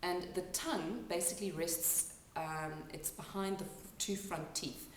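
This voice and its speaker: Low-voiced woman coaching in an echoey room. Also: slight background noise. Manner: explanatory, pauses to demonstrate sounds. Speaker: accent and dialect coach. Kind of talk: instructional talk to camera. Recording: echoey room, mic at a distance.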